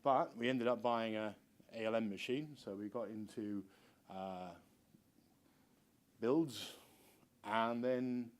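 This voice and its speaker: A middle-aged man who is a university researcher, giving a conference presentation in an informal, hesitant, halting way. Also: lowish voice. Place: lecture room with seated audience.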